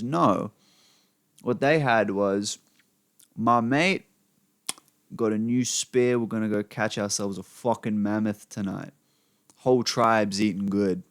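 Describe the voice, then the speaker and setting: This young Australian vlogger, his voice fairly low, rambles unscripted to camera in a studio-quality recording with no echo. He swears freely, scatters "you know" asides through his talk, and sometimes pops the desk microphone at his computer.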